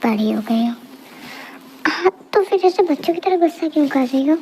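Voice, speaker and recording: A woman's voice: sits high, lively intonation, moderate pace, dark tone, slight background noise. A woman voicing a teasing, patient young husband and uncle in an amateur fan dub. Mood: coaxing. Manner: coaxing, teasing.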